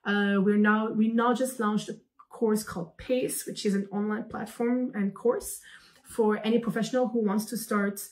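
A woman's voice: mid-range voice, normal speed. Chatty young woman from Belgium. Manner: animated and talkative, with many fillers and restarts. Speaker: guest, founder. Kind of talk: video call interview. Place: room at home.

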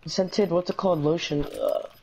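A man's voice: a little high, steady tone, moderate pace, a little mellow, slight background noise, poor audio. A young man chatting bluntly with friends over voice chat during a game, cursing often. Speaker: gamer. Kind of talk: casual gaming chat.

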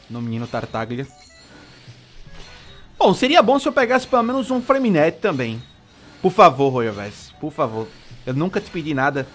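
A young adult Brazilian man with a Brazilian Portuguese accent, excitably commenting on his own game pulls on a live stream, pleading and groaning at each result. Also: on the high side. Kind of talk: live gacha-pull commentary.

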